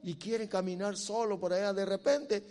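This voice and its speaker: High-voiced preacher, loud and soft by turns. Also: male voice, normal speed. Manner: animated, swings from loud exhortation to soft, quiet asides. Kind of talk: sermon. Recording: long hall reverb.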